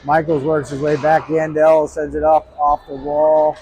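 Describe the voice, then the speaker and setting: A man giving brisk play-by-play hockey commentary, his voice washed in heavy hall-like reverb. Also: a little high, monotone, darkish tone, lo-fi sound. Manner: brisk, clipped play calls that rise toward the final seconds. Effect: heavy echoing reverb, like a big hall. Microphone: microphone placed near an iPad. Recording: echoey reverb-heavy recording with faint noise.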